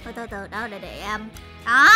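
A young woman doing playful, excitable game commentary as a gaming YouTuber, with squealing exclamations. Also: medium pitch, moderate pace. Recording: music playing under the voice.

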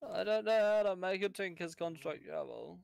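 A man's voice: high-pitched, moderate pace, gravelly, a little mellow, clear, resonant tone, no room sound, faint music behind. A man chatting casually while playing a video game, teasing and sarcastic. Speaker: gamer. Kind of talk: casual gaming chat.

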